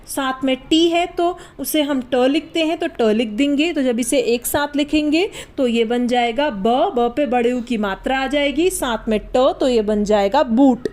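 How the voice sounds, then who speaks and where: A woman gives an online spoken English lesson at an unhurried pace. Her voice sits high, and she spells out each word slowly, letter by letter, checking that her viewers follow. She explains like a patient teacher. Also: a little mellow. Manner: asks the class if it is clear.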